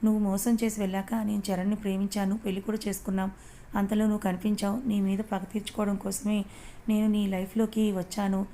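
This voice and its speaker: A woman's voice: medium pitch, flat delivery, fast talker, mellow, slight background noise, close to an everyday voice. A woman voicing a defiant young wife in a read-aloud audio story, speaking in a level, controlled way. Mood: cold.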